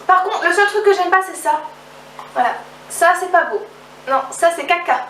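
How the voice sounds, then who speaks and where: Young woman doing a book haul vlog, high voice, chatty and a bit hesitant, echoey room, mic kinda far. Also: moderate pace, sharp tone. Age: young adult. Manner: chatty, hesitant, restarts sentences, enthusiastic. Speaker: book vlogger. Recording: roomy, slightly distant mic, faint background noise.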